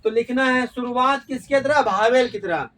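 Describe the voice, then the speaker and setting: A male teacher with a high voice leads a classroom grammar lesson. He keeps asking the class questions and repeats each key word back to them. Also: normal speed, a bit bright. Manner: call-and-response questioning, repeats key words.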